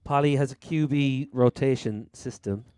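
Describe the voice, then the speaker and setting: A man's voice: mid-range voice, moderate pace, dark tone, smooth, dry recording, studio quality. A man with a Cork Irish accent hosting a casual chat about sport. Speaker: fantasy football podcast host.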